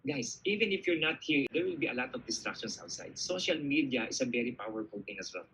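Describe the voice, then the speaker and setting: A Filipino man speaks with real force and brightness as he works through a motivational Q&A answer. His tone has a slightly husky edge, and he keeps breaking his story up with quick check-ins to the audience. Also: medium pitch, rough recording. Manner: energetic, animated storytelling, frequent "okay?" check-ins. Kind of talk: motivational Q&A talk.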